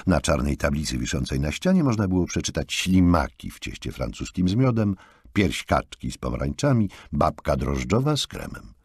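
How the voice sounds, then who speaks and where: A man narrating an audiobook in an expressive, animated reading style. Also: extremely low pitch, normal speed, husky, no echo, clean studio sound.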